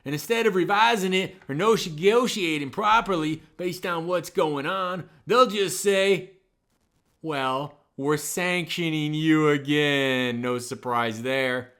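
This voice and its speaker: A man's voice: on the high side, slow pace, fairly bright tone. A man doing a folksy know-it-all sidekick. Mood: smug. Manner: folksy, ungrammatical drawl. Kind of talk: comedic banter.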